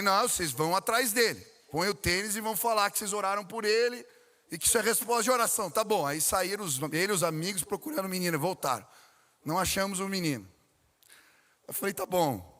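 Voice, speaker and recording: A man's voice: sits high, sharp tone, in a large hall. A man preaching a sermon as pastor, telling a story and acting out the voices of the people in it. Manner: storytelling preacher, acts out dialogue with rising intensity.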